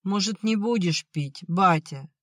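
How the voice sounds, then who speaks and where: The audiobook narrator voicing a gentle young peasant son, speaking softly and coaxingly to his drunk father. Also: medium pitch, unhurried, dry recording, clean studio sound, pitched above the performer's own voice.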